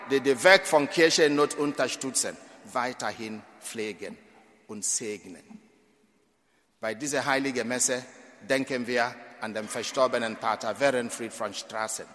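A man's voice: mid-range voice, fairly bright tone. A man from Nigeria, preaching a sermon as a priest at mass, emphatic, with dramatic swells and drops in volume. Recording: long church reverb.

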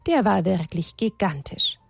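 A woman reading a children's story aloud in a gentle, expressive storytelling voice. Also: medium pitch, a little slow, creaky, husky, no echo.

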